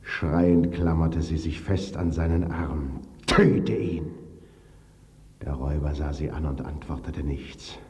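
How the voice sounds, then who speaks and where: Deep, slow, brooding male reader. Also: flat delivery, mellow. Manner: grave, brooding, sinking to a whisper. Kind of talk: dramatic literary reading. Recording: dull reverberant recording.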